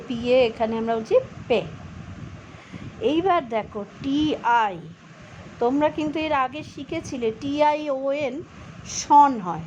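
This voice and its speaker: High-voiced teacher, slow patient reading. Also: female voice, darkish tone. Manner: reads English lines very slowly, then explains spelling and pronunciation. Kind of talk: bilingual reading lesson for children. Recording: slightly dull low-fi recording with faint background noise.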